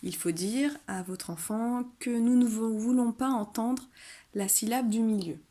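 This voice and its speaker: A woman teacher patiently explaining a phonics exercise to parents, saying example words loudly and slowly. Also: fairly high pitch. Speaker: kindergarten teacher. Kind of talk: home-schooling video lesson for parents.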